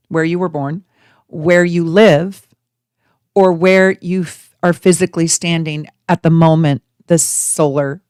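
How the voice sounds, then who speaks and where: Unhurried, lowish-voiced woman host explaining astrology conversationally, close dry recording. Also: darkish tone, clear, resonant tone, no room sound. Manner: conversational, drawn-out emphatic words, rhetorical questions. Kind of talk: astrology teaching to camera.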